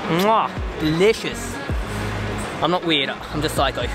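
Young guy vlogging outside, jokey and kinda high voiced, music going behind him. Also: fairly quick. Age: young adult. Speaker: vlog host. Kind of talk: casual vlog chat. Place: outdoors on busy city streets at night. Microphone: camera at arm's length. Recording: music and crowd noise outdoors. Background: music and crowd chatter.

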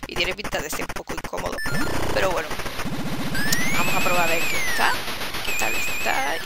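A speaker with a Spanish accent from Spain giving casual gameplay commentary, chatty, swearing freely and shouting to cheer the game on. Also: medium pitch. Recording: loud background game music.

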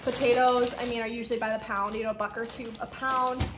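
A woman's voice: a little high, little pitch movement, fast talker. A young woman chatting casually through her meal prep, rambling with lots of fillers and a bit out of breath. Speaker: vlogger. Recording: echoey room with faint noise.

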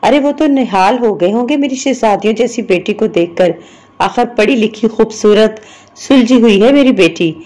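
Woman narrator voicing proud sharp-tongued mother, scolding, mellow low-toned voice, storybook reading. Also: close to an everyday voice. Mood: boastful. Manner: scolding, boastful.

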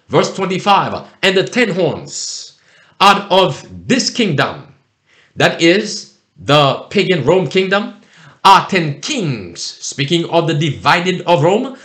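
A male preacher delivers a sermon in a high, lively voice that swoops up and down. He speaks slowly and stretches words out for emphasis as he reads scripture. The recording has a roomy echo. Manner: emphatic, drawn-out preaching cadence.

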